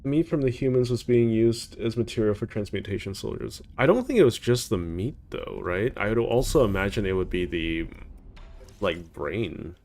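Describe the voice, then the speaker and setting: Low, gravelly man commentating a game. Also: lively intonation, moderate pace, a little mellow. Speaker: gaming playthrough host. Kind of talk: casual game commentary mixed with reading game dialogue aloud.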